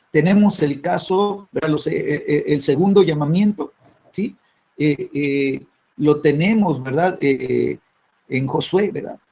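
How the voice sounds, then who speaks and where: Husky preacher man, tag questions everywhere. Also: fairly high pitch, darkish tone. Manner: peppers phrases with tag questions; repeats words when restarting. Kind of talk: sermon teaching. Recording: dull lo-fi recording.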